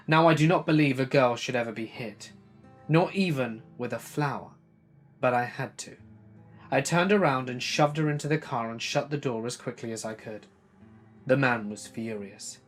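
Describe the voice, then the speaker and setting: A man narrating a first-person scary story in an earnest, steady way, over faint music. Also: medium pitch.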